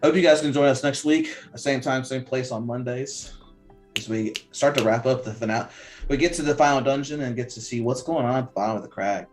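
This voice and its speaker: A man's voice: mid-range voice, a little fast, faint music behind. A man hosting and narrating a tabletop role-playing game as game master. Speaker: game master and podcast host.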